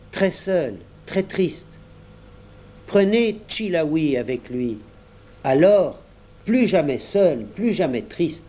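A young boy in a storybook, speaking in halting fragments, as a man reading aloud puts him on. His voice strains with emotion. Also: a little high, mellow.

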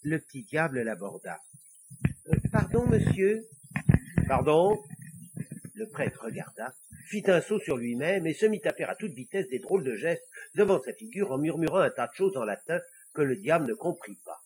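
A man narrating a children's storybook, expressive and confiding asides to the listener. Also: a little high, fairly quick, husky.

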